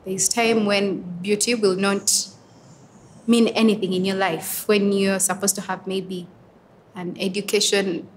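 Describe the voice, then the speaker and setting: A woman's voice: mid-range voice, level tone, slight background noise. Earnest young woman from Uganda. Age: 20s. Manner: earnest, reflective, with pauses and fillers. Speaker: interviewee, advocate for women and girls. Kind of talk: answering interview questions.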